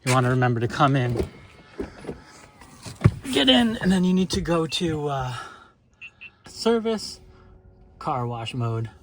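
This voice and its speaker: A man vlogging outdoors as he washes his car, talking in a relaxed, rambling way with plenty of fillers. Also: on the high side, slow pace, pauses often, background noise. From northeastern United States. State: slightly out of breath. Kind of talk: casual talk while washing a car.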